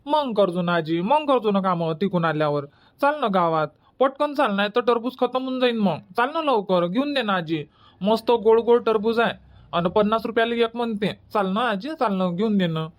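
Little cartoon boy, played by a man: whiny, pleading, pitched well up. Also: lively intonation, normal speed. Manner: whining, begging.

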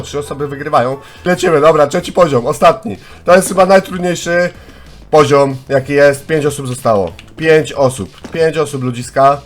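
A young man in his twenties hosts a game contest, firing off excitable, chatty commentary and calling out to his viewers. His voice sits a touch on the high side. Faint music plays softly underneath. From Poland. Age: 20s. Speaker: gaming YouTuber hosting a contest. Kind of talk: live gameplay commentary.

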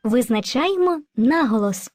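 A woman voicing a kind, patient female spirit of language who teaches children, gently coaxing them with endearments in an educational cartoon. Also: on the high side, lively intonation, measured pace, a little hiss or hum. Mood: gentle.

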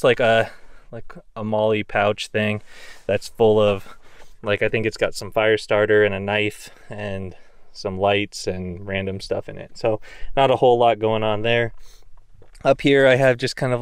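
Standing by his open car in a burned forest, a young man from the northwestern US films himself on a handheld camera at arm's length, giving a rambling, filler-heavy tour of his car camping setup for his vlog. His mid-range voice is clear and resonant, and the audio has no room sound, sounding studio quality.

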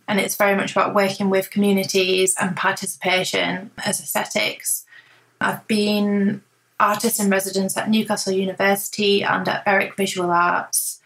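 A woman, a photographer guest who describes her work in a brisk, concise way. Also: medium pitch, creaky, fairly bright tone, low-quality recording. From rural north of England. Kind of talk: interview answers.

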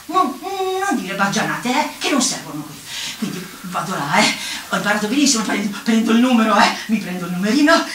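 A woman's voice: medium pitch, a little fast, few pauses, a little hiss or hum. Woman playing an exasperated old cartoon witch. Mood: chatty. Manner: animated, exclamatory, laughs while talking. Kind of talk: theatrical comic monologue. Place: outdoor town square stage. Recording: echoey, from far off, faint ambience.

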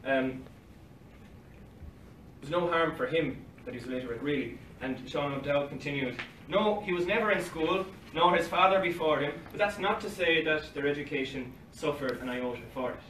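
A young man with a slightly high, somewhat bright voice gives an academic conference talk at normal speed, reading from paper at a lectern and adding dry asides with short laughs. A far-off phone camera records him from across a library meeting room, so the sound is roomy and distant with faint hiss, like a livestream.

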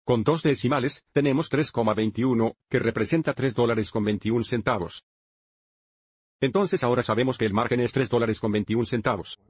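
Male math teacher, steady and methodical, husky voice at a middle pitch. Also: normal speed, no echo. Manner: steady, methodical step-by-step explaining. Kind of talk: dubbed math lesson narration.

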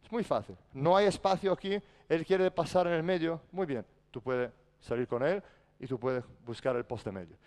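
A man's voice: a little high, normal speed, darkish tone, clear, resonant tone. A man coaching a basketball practice in a large indoor gym, barking short commands and then explaining patiently. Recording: echoey gym reverb.

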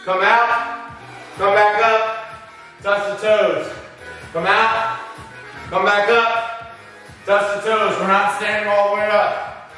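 Male fitness coach, high bright voice, unhurried counts and rallying pep-talk commands, exercising as he speaks, distant in an echoey room. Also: flat delivery, faint music behind. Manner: rallying pep-talk cheerleading, short urging commands with whoops; exerting himself while talking. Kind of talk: live workout instruction with counting. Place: basement home gym. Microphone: camera several metres away. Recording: very echoey room, far from mic.

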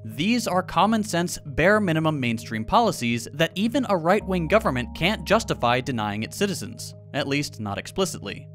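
A man's voice: a little high, very animated, normal speed, few pauses, fairly bright tone, soft background music. A man from the United States narrating a scripted video essay with sarcastic, wry asides.

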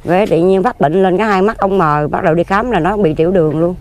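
A woman's voice: fairly low pitch, quick pace, darkish tone. A woman in her fifties with a Southern Vietnamese accent, talking plainly and at length as an interviewee. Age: 50s. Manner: plain-spoken, rambling and earnest. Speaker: interviewee, lottery ticket seller. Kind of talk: casual interview. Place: outdoors among graves.

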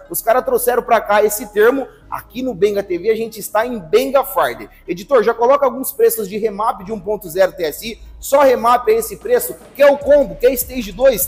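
Energetic Brazilian man in an echoing garage. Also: high-pitched. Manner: energetic salesy slang-filled talk. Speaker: host, tuning shop owner. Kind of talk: casual presenting to camera. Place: large echoing garage workshop indoors. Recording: reverberant workshop with background music.

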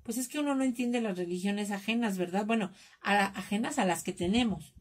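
A woman's voice: medium pitch, fairly quick. A woman with a Mexican accent hosting a live craft class, chatting and joking with her viewers while she works. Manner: chatty, jokey, calls viewers "chicas".

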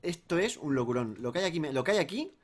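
Lively joking Aragonese Spanish man. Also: on the high side, fast. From Spain. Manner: joking, swearing, excitable. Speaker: host. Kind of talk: casual gaming chat.

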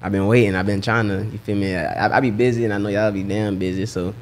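A man's voice: lowish voice, steady tone, fast, very noisy. A man, a rapper guest talking casually and slangily on a podcast. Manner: laid-back, slangy, keeps saying "you know what I'm saying".

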